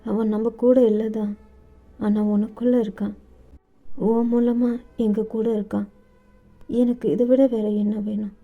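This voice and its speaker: A woman voicing a grieving mother who speaks softly and steadily to comfort a young woman, in a storybook reading. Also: fairly high pitch, measured pace, pauses often. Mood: consoling. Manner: soft, steady, soothing. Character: gentle grieving mother, calm and consoling. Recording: dull lo-fi recording with faint music.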